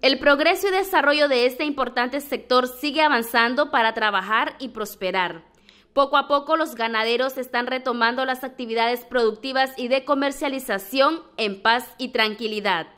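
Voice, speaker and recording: A woman's voice: high-pitched, normal speed, fairly bright tone. A woman reading scripted narration as a television news reporter.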